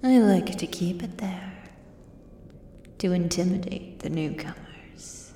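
In a whispered role-play, a woman acts out a menacing female beast with an axe, taunting its human prey like a predatory beast-man. The delivery is very slow and the tone dark and low-lit. Long echoing reverb surrounds the voice. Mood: menacing, boastful. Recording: echoey cavern-like reverb, audible background noise.

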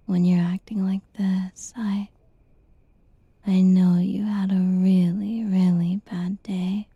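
A woman whispering a tender, reassuring girlfriend roleplay in a soft, soothing ASMR style. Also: medium pitch, little pitch movement, slow pace, slightly rough, no room sound, muffled recording.

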